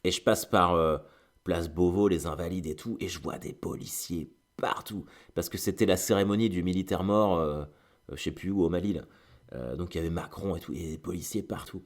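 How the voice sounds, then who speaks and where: Chatty low-voiced French man rambling. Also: fairly quick. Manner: chatty, digressive, full of fillers and acted quotes. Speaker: host. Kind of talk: casual storytelling monologue.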